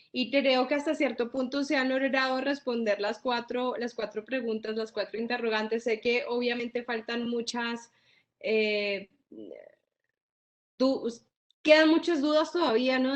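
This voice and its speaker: A woman moderating a seminar panel, thanking the guests and steering the talk toward a close in a courteous way. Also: fairly high pitch.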